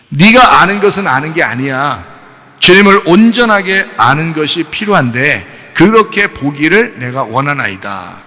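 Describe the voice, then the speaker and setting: A man's voice: a little high, bright, forceful tone, big-room sound. A male pastor preaching a sermon, giving an emotional testimony and putting rhetorical questions to the congregation. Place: church sanctuary.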